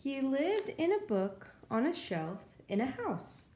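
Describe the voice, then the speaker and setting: Reading picture books to preschool children, a woman storyteller who works as a children's librarian narrates expressively and slips in small asides to her listeners. She has a high, warm, sing-song voice, speaks slowly, and the sound is roomy.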